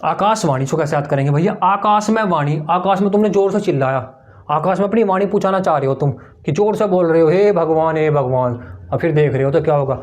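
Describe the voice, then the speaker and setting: A man's voice: a little high, quick pace. A man of teaching exam memory tricks, repeating each answer as a question-and-answer drill while writing on a board. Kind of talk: mnemonic tricks lesson.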